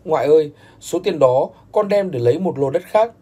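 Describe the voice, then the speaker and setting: A man's voice: on the high side, animated, normal speed, dark tone, slightly rough. Man voicing a pleading young grandson. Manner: pleading, tearful.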